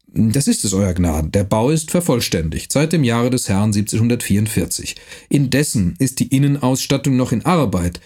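A man's voice: mid-range voice, expressive, normal speed, darkish tone, slightly rough. A man voicing a court official who speaks with stiff, elaborate courtly formality. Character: stiffly polite male court official, exasperated.

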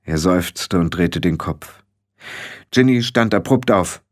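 Ein Mann liest ruhig und gemessen ein Hörbuch vor. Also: male voice, low-pitched, animated, slow pace, no room sound, clean studio sound. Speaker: audiobook narrator. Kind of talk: scripted narration.

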